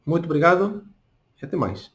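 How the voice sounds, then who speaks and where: A man speaking with a Spanish accent, a native Spanish speaker who gives a casual spoken lesson, talking slowly and tagging his points with little questions. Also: a little high, sing-song, fairly bright tone. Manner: talks deliberately slowly, tags questions with "não?". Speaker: language teacher.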